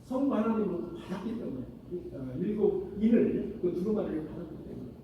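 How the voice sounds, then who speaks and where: A man's voice: high voice, animated, quick pace, dull audio, a little hiss or hum. A man preaching a sermon as pastor, often asking the congregation questions and answering them himself. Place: church sanctuary. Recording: echoey church hall from far off.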